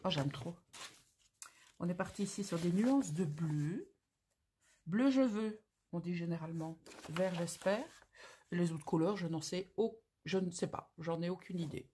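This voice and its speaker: A woman's voice: fairly low pitch, unhurried, dark tone, a little hiss or hum. Gushing woman hosting a craft unboxing. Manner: gushing, exclamatory, slangy. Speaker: craft channel host. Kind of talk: casual unboxing commentary.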